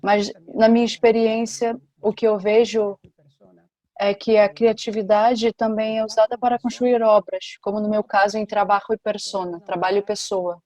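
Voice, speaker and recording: A woman giving a simultaneous interpretation at a panel, with a steady, measured delivery. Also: medium pitch.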